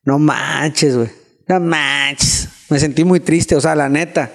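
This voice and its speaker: A man's voice: a little high, slow, creaky, fairly bright tone. A young man with a Mexican accent, a podcast guest telling a personal story in slangy, self-mocking casual chat. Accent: Mexican Spanish. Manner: slangy, peppers speech with filler words, self-mocking. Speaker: guest youtuber.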